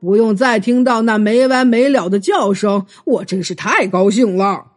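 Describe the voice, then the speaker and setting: A woman's voice: medium pitch, moderate pace, soft background music, voice pushed down, natural voice. A woman voicing a grumpy uncle who speaks in a dismissive, grumbling way. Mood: relieved. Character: grumpy uncle, mouth full of cake.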